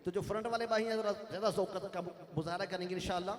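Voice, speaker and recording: A man's voice: sits high, steady tone. A man reciting devotional naat at a live gathering, rousing the audience to chant along. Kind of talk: devotional naat singing with crowd call-outs. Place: large gathering. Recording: echoey live event with loud crowd and music.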